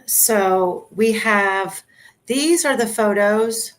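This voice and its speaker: A woman on a video call who shares her screen and calls out photos one by one, methodical and steady. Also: medium pitch, very slow. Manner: methodical, talks through images one by one. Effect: voice heard over a video call. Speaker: host presenting trial photos by screen share. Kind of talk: casual online discussion. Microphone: computer mic on a video call.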